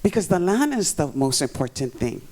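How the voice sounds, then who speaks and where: Earnest, mellow-voiced speaker with a Hawaii accent. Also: medium pitch, very animated, moderate pace. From Waianae coast of Oahu, Hawaii. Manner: earnest and emphatic, repeating key words for stress. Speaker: community member giving public testimony. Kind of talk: public comment at a community meeting. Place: community learning center meeting room.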